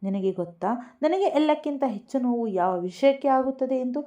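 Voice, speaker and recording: A woman's voice: high voice, lively intonation, moderate pace, warm tone, voice pushed up. A woman voicing a heartbroken young man who pleads with a choked, tearful voice. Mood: pleading. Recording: dull lo-fi recording.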